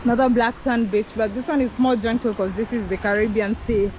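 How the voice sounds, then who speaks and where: A woman's voice: on the high side, fairly even intonation, fairly quick. A woman travel vlogger chatting casually and asking locals questions while out and about. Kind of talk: casual travel chat and street interview. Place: outdoors and on the road. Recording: noisy outdoor street ambience.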